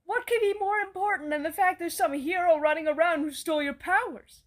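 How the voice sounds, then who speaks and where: A woman acting out comedy sketches, swearing casually and bantering in a deadpan way. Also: very high voice, brisk. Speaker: sketch comedy creator playing all roles.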